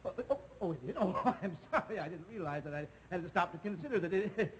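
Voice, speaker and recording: Jolly scatterbrained principal, high voice for a guy, old tv sound w a bit of hiss. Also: expressive, quick pace, low-quality recording. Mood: jovial. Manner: hearty, chummy and easily distracted. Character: jovial, scatterbrained middle-aged male principal. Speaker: school principal. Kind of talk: 1950s live TV sitcom acting. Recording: faintly hissy old television recording.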